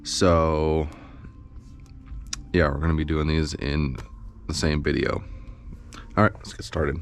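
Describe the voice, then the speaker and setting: Man, very low pitch, gravelly, slow unhurried delivery, low-energy repair-tutorial read. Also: little pitch movement. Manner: subdued, low-energy, thinking aloud. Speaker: pinsetter mechanic. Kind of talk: casual how-to tutorial. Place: bowling alley machine pit.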